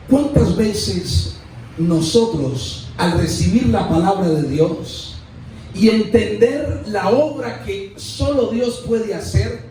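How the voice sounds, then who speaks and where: A male pastor, preaching a sermon in a deliberate storytelling manner. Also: extremely high pitch, a little mellow, a little hiss or hum. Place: church. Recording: echoey church hall, distant mic.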